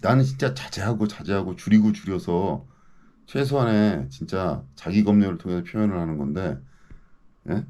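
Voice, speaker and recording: A man's voice: deep voice, normal speed, dark tone. A man in his fifties, a local news commentator, delivering an indignant, ranting monologue and repeatedly demanding answers from his audience. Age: 50s.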